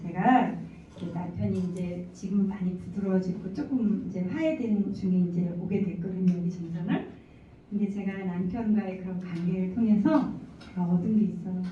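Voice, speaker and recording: A woman's voice: medium pitch, normal speed, faint music behind. A woman in her forties giving a personal testimony to a congregation, telling her story earnestly and acting out the dialogue. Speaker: church member giving testimony. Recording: echoey hall, distant mic, dull lo-fi sound.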